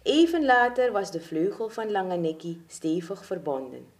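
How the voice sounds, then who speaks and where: A woman reading a children's story aloud in an expressive, dramatic way. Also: on the low side, moderate pace.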